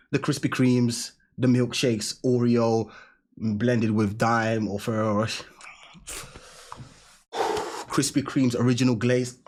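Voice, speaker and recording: Husky, slangy man vlogging. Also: mid-range voice. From Denmark. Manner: slangy, animated, laughing often. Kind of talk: casual storytelling to camera.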